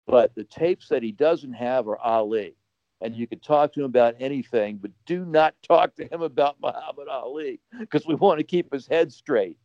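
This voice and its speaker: A man's voice: medium pitch, moderate pace, no room sound, highs cut off. A man telling a long anecdote as a podcast guest, rambling casually with fillers and restarts. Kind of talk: casual storytelling.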